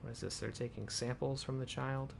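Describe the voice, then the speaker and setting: A man's voice: mid-range voice, steady tone, fairly quick, gravelly, a little hiss or hum. A man streaming a video game, chatting casually, thinking aloud and correcting himself, and reading in-game documents aloud. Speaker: gaming streamer. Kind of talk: live gameplay commentary and reading in-game files aloud.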